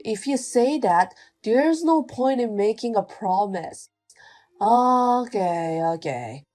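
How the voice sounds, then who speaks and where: Cold, scolding husband voiced by a woman, slow, with a dark tone, for a domestic drama. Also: on the high side, expressive, soft background music. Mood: contemptuous. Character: scornful, demanding young husband. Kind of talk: scripted domestic drama dialogue.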